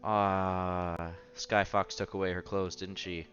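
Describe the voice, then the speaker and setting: Slowly and with little pitch movement, a low-voiced man reads a visual novel's text aloud on stream, tossing in casual remarks and stumbling now and then. His tone is a bit bright. Game music plays under a dull, lo-fi recording.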